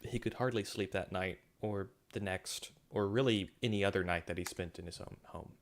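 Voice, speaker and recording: A man's voice: low voice, normal speed. A man reading his own science fiction story aloud, with occasional slips and self-corrections. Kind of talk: story narration.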